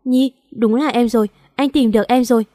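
A possessive young husband who turns remorseful, pleading with his wife in a storybook reading, as a woman puts him on. The voice sits fairly high and the sound is dry and close, with no room around it. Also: fairly even intonation, a little fast, warm tone, no room sound, natural voice. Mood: angry. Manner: pleading, insistent. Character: young male company director, possessive then remorseful.

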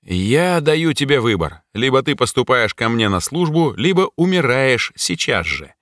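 A man voicing a weary, sharp-tongued male mage in an audiobook, curt and commanding. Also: mid-range voice, sing-song, a little slow, dry recording, clean studio sound, pitched above the performer's own voice.

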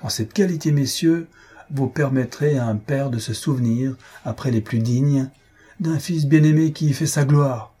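Voicing the proud royalist host, an old blind marquis, for an audiobook, this man gives fervent, solemn toasts. His natural voice is mid-range, dark and husky, pushed up a bit, at normal speed.

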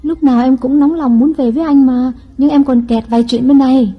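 Sly coaxing young wife, put on by a male narrator, husky falsetto, slightly dull lo-fi sound. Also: steady tone, a little fast, full character voice. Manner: wheedling, coy falsetto.

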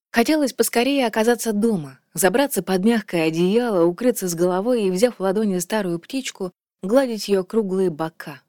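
A woman reading a novel aloud in a calm, even narration. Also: fairly low pitch, no echo, studio quality. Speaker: audiobook narrator. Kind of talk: scripted narration.

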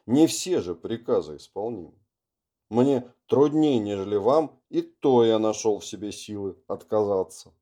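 Male reader as a bitter Russian colonel in an audiobook: weighty, emphatic delivery in a very dark voice. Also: fairly low pitch, animated, unhurried. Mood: grave. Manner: heavy, emphatic.

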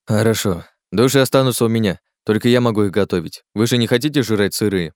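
A man's voice: fairly low pitch, quick pace, a little mellow, dry recording, clean studio sound, close to an everyday voice. A man voicing a firm leader lecturing his group in an audiobook. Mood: calm commanding. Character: commanding male leader keeping order. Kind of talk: audiobook character voice.

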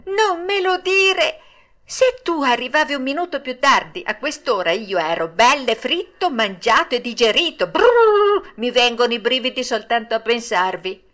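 Woman doing a high shrill puppet boy, excitable, storybook, swooping lively voice. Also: moderate pace. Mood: frightened. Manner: shrill and breathless, crying out. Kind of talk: storybook reading.

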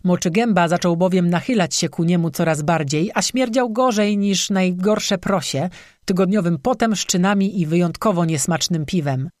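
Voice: medium pitch, normal speed, a little mellow, no echo, studio quality. A reader giving vivid scripted narration of a folk legend. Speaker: audiobook narrator.

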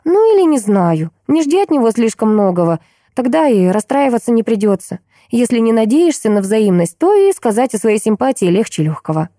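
A woman voicing a calm, gently teasing seventeen-year-old girl. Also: fairly high pitch, normal speed, no room sound, clean studio sound, voice pushed up. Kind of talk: audiobook character voice.

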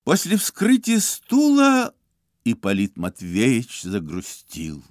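A male audiobook narrator tells the story in a theatrical, animated manner. His pitch swoops and leaps freely across each phrase. The recording is dry and close, with no room sound. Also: slow pace, no room sound. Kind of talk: expressive literary narration.

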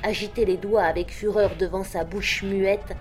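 Woman reading an audiobook story, measured and expressive, mid pitch. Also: faint music behind. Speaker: narrator. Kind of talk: audiobook reading of a literary tale.

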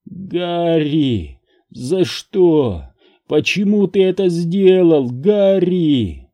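A man's voice: mid-range voice, sing-song, drawn-out words, warm tone, highs cut off, exaggerated voice. A man reading an audiobook, voicing a dead woman's spirit who speaks through an entranced man, pleading and tearful. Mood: sobbing. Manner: pleading, tearful, rising to fury.

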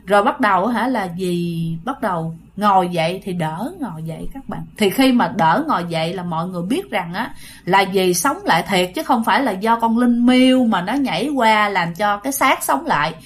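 A woman's voice: mid-range voice, lively intonation, normal speed. Chatty woman telling a ghost story. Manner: chatty, addresses listeners directly.

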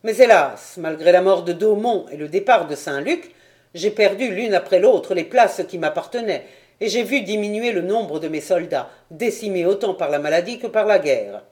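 A woman voicing a weary, stern nobleman commander in a storybook reading, speaking gravely and with reproach. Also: on the low side, expressive, moderate pace, a little mellow, lightly acted.

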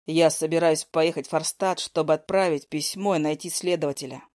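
A gloomy male necromancer , voiced by a woman, clips his words in a low, curt voice. He sounds terse and closed off, recorded dry and close. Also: steady tone, fairly quick, a little mellow, dry recording, lightly acted. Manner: curt, speaks through clenched teeth.

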